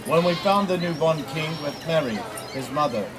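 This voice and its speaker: A man's voice: on the high side, lively intonation, moderate pace, close to an everyday voice. A man playing a proud, welcoming Magi king, projecting to a crowd in theatrical live storytelling. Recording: outdoor crowd noise.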